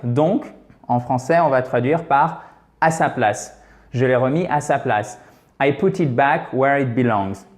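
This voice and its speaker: A man's voice: a little high, darkish tone. A man teaching an English lesson in French, explaining patiently and checking in often with his students.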